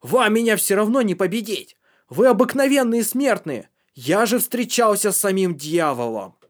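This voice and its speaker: A man reading an audiobook, voicing a drugged, megalomaniac boy who shouts in a shrill, boastful, frantic way. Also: moderate pace, close to an everyday voice.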